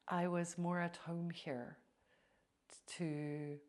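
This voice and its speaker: A middle-aged woman from South Africa talks slowly and reflectively as an interview guest, with a fairly low voice. Now and then her words fall away to a near-whisper. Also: little pitch movement, darkish tone. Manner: slow, thoughtful, drops to near-whisper at times.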